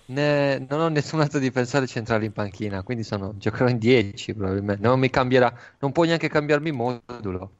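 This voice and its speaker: A man's voice: medium pitch, fairly quick, few pauses. A man in a casual podcast chat, colloquial and often repeating himself, heard over a dull lo-fi link. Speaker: podcast co-host or guest.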